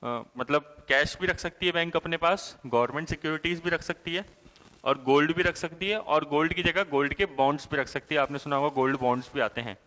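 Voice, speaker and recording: A man's voice: on the high side, fairly quick, bright, forceful tone, big-room sound. A male teacher giving an exam-prep lecture, who asks questions and answers them himself and keeps checking with the class, "hai na?". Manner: explanatory, with frequent "thik hai" and "hai na" checks.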